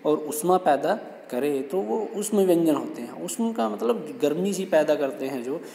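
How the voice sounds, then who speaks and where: A man's voice: on the high side, expressive, normal speed, gravelly, dark tone, slight background noise. A man teaching a lesson to students, explaining patiently and often checking that they follow. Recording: echoey room with long reverb.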